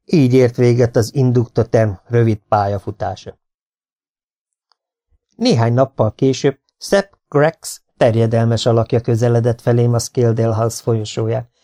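Male audiobook narrator, calm, measured, mid-pitched voice. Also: no echo, clean studio sound. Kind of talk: scripted first-person narration.

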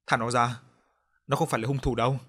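A man's voice: mid-range voice, level tone, quick pace, a bit bright, slightly rough. A man voicing a stern middle-aged father who gives firm commands in an audiobook.

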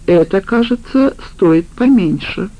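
A woman voicing a spiteful, scheming woman in an audiobook, talking in a sharp, mocking way. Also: mid-range voice, expressive, a little slow, lo-fi sound. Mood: bitter. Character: spiteful scheming woman, the criminal's former partner.

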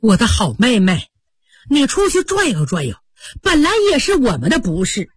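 A senior maid, coaxing and reproachful by turns, as a woman storyteller puts her on. Her voice rises high and lively, slightly husky. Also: moderate pace, dry recording, heavily acted. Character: patient senior maid, stung to anger.

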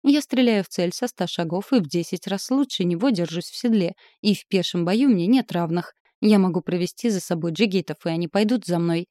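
A woman's voice: fairly low pitch, fairly quick, hardly any pauses, no room sound, studio quality, lightly acted. A woman reading the lines of an arrogant, passionate young man who boasts and threatens, in an audiobook. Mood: boastful. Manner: boastful, hoarse, forceful declarations. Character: passionate, arrogant young male suitor, turning menacing.

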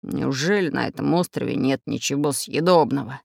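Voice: mid-range voice, normal speed, vocal fry, no echo, clean studio sound. A narrator growling as a grumbly pirate captain. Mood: grumbling. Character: red-bearded pirate captain, greedy, grumbling.

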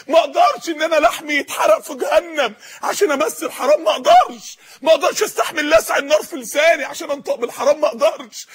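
A man preaching a passionate sermon with an Egyptian accent, swinging from storytelling to shouted appeals. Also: very high-pitched, breathy edge. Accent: Egyptian Arabic. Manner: impassioned, rising to shouts, acts out quoted voices.

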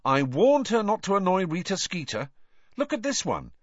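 A man voicing an excitable teenage boy wizard who talks bluntly. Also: high-pitched, moderate pace, dry recording, pitched above the performer's own voice, full character voice. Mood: indignant. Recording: dull dry lo-fi audio.

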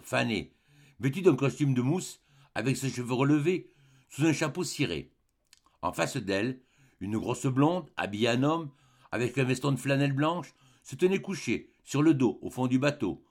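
Male narrator, audiobook reading, measured and dramatic, mid-pitched voice. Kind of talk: scripted literary narration.

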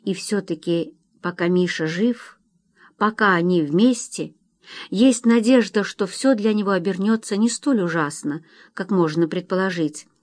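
A man reading an audiobook in a measured, expressive narration style, close to the microphone. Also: high-pitched, dry recording. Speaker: audiobook reader. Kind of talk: scripted narration.

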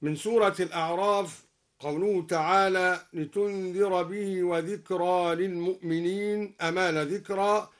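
A man with an Egyptian accent explaining recitation variants in a slow, deliberate way, chanting each example melodically. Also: sits high, fairly even intonation. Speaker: Quran recitation scholar. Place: radio studio.

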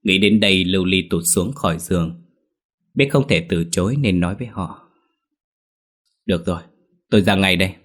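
Husky low-voiced man reading a ghost story. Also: normal speed, pauses often, a bit bright. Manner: reads every character's lines in his own voice. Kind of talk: scripted narration of a ghost story.

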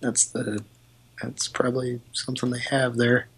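A man's voice: mid-range voice, little pitch movement, moderate pace, breathy edge, low-quality recording. A man hosting a prank call stream, chatting casually in a laid-back, wry way. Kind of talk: casual livestream chat.

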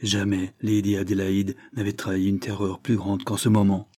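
Un homme lit un roman en narration posée, d'un ton égal. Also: male voice, lowish voice, monotone, moderate pace, mellow, no room sound, clean studio sound. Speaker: audiobook narrator. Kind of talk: scripted narration of a Victorian novel.

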